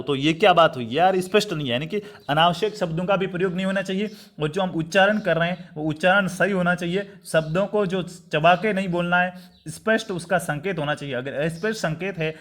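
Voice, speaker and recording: A man's voice: high-pitched, fairly bright tone. A young man from Rajasthan teaching an online exam-prep lecture, explaining step by step and often checking in with his students. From Rajasthan, India. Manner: repetitive, explanatory, addresses students as friends.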